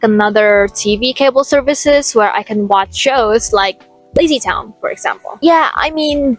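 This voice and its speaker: A young adult vlogger from Indonesia, whose first language is Indonesian, reads scripted narration in a fairly high voice. Her tone is casual and full of "like" fillers, while lo-fi music plays faintly behind her.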